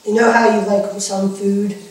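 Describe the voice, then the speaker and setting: A man's voice: high voice, little pitch movement, unhurried, darkish tone. A man who works as a pro wrestling manager, chatting casually and talkatively in an interview, repeating himself for emphasis. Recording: echoey room, far from the mic.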